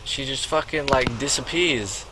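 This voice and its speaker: A man's voice: medium pitch, measured pace, a crowd in the background, lightly acted. A man voicing a boastful, swaggering pimp character in a game role-play, telling a rambling, profane story.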